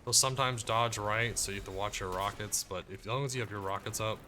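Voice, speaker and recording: A man giving casual commentary as he plays through a video game guide, relaxed and explaining as he goes. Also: lowish voice, quick pace, slight background noise. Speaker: gaming guide creator. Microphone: desk mic, muted to cough.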